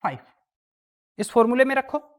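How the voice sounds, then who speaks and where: A woman's voice: on the high side, expressive, normal speed. A woman teaching a chemistry lesson, asking the class questions and answering them herself. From India. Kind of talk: classroom lesson explaining worked exam problems.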